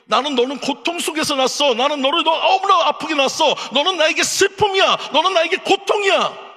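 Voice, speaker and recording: A man putting on a sorrowful mother's cry, pitched far above his own voice and loud, her words ringing on in a big hall's long echo. She wails over her pain, bright and strained. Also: animated, fairly quick, full character voice. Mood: anguished. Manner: high, loud, wailing lament. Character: grieving mother lamenting her painful childbirth. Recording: long reverb of a large hall.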